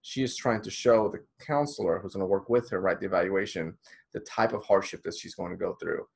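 Low-voiced man teaching counselors. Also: brisk, vocal fry, breathy edge. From Dominican Republic. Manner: conversational, encouraging, with many fillers. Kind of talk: recorded slideshow lecture. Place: small indoor room.

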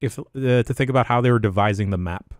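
Sitting close to a microphone on a boom arm, with a headset, a man chats casually as a podcast panelist in an indoor room. His voice is medium in pitch and quick-paced, and the recording sounds dry.

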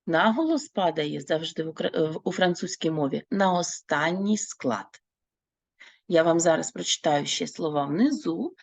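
A woman teaching a French class, her pitch rising and falling a lot. Her voice has a gravelly, creaky edge. She talks slowly and clearly, repeats words for her learners, and the sound is close and dry. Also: darkish tone, no echo. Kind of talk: online language lesson.

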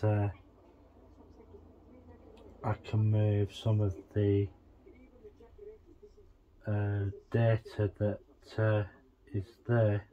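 A man vlogging a casual tech walkthrough, thinking aloud in a halting, rambling way. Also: on the low side, monotone, lo-fi sound.

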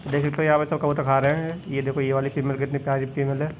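A man's voice: medium pitch, monotone, very fast, a little hiss or hum, low-quality recording. A man vlogging from his rooftop pigeon loft, chatting to viewers as he points out his birds, filmed on a handheld phone. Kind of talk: casual filmed walkthrough.

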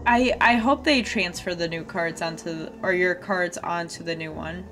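This woman is live-streaming a video game, chatting casually with viewers, reacting out loud and reading dialogue while she gets over a cold. Her voice sits on the low side, slightly bright, at a moderate pace, with game music playing behind it.

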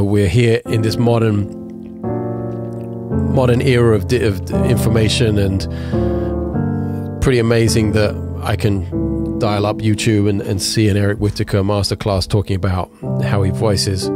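Fairly low-pitched, steady and a little slow, a congested man in his thirties talks on his own while playing piano for his podcast. He records in his home music studio on a boom-arm studio mic with headphones, and his frank, rambling delivery keeps correcting itself.

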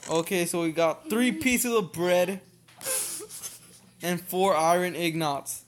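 A man casually commentating his own gameplay, excitable and quick to swear as he reacts aloud. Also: sits high. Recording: noisy home recording.

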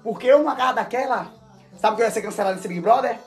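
A man's voice: very high voice, fast talker, faint music behind. A man in a casual phone story, talking straight to his viewers in a campy, dramatic, exclamatory way. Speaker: social media influencer.

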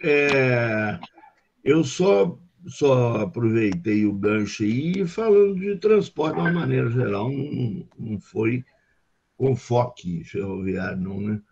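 An older man with a Brazilian accent speaks slowly and unhurriedly, his voice husky. He rambles and restarts as he adds to a discussion. The sound is dull and lo-fi, as on a video call. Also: mid-range voice, lively intonation, darkish tone. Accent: Brazilian Portuguese. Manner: slow, rambling, with many restarts. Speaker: professor. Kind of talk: casual online lecture discussion. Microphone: webcam on video call.

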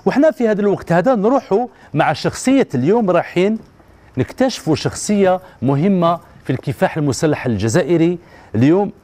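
A man's voice: sits high, expressive, fast talker, dark tone. A man in his thirties with an Algerian Arabic accent, hosting a children's TV show in a studio and coaxing the kids with questions. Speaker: children's TV host. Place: colorful TV studio set with children audience. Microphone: handheld mic.

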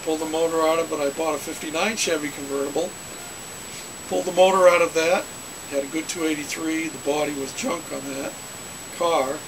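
Gravelly older man telling car stories. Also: fairly high pitch. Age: 60s. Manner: rambling, folksy, many uh fillers. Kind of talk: casual storytelling to camera. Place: small cluttered home den. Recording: hissy webcam recording.

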